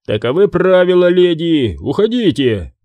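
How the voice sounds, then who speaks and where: A male audiobook reader voicing a surly, threatening goblin bouncer, with a higher and louder voice than his narration. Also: very animated, measured pace, no echo, narrow, tinny audio. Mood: dismissive. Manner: gruff, dismissive, threatening.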